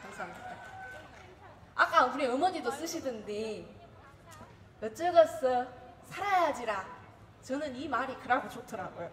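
A young woman from Gwangju tells a comic story in a thick Jeolla accent, her voice high and lively. She chats with the crowd and acts out little exchanges. The recording rings with the echo of a big hall, and faint sound is heard underneath. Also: moderate pace, a little hiss or hum. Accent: Jeolla dialect. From Gwangju, Korea. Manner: lively, chatty, acts out quotes. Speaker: dialect contest speaker. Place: large echoey hall.

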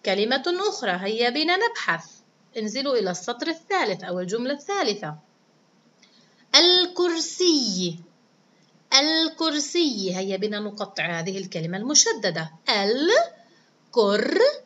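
Bright encouraging woman teacher. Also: mid-range voice, animated, fast talker. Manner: encouraging, praises often, stretches words out syllable by syllable. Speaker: primary school teacher. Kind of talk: reading lesson for children.

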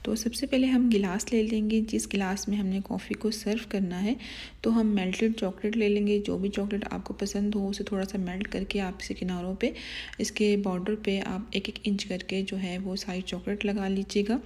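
Mellow-voiced woman narrating a recipe. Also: mid-range voice, moderate pace. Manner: calm step-by-step instructions with soft asides. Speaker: cooking channel host. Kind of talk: recipe voice-over.

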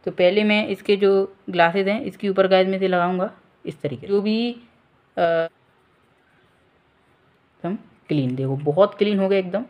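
A man's voice: sits high, a little slow, pauses often, muffled recording. A teenage boy with a Hindi accent chatting casually in a vlog, filming on a phone at arm's length, often calling out to "guys". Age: teens. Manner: chatty, keeps saying "guys". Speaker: vlogger. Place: home room and outdoors on a motorbike. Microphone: phone camera held at arm's length.

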